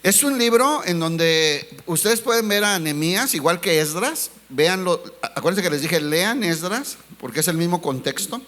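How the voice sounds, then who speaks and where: A pastor with a high-sitting, animated, somewhat bright voice preaches a sermon. He poses rhetorical questions to the congregation, addresses them as brothers, and slows down to lean on key words.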